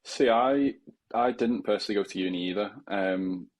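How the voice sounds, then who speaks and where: Deep-voiced young man hosting a podcast. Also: normal speed. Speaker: podcast host. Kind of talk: casual podcast interview.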